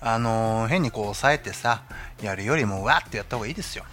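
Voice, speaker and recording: A man's voice: fairly low pitch, quick pace, faint music behind. A man co-hosting a casual podcast chat with an easygoing, agreeable manner, often echoing "yes, yes". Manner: relaxed, agreeable, lots of "sou sou". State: hiccuping. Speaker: podcast co-host.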